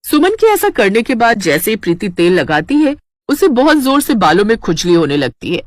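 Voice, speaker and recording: A woman narrating a scripted comic story in an expressive storytelling manner. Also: mid-range voice, moderate pace, no room sound, clean studio sound.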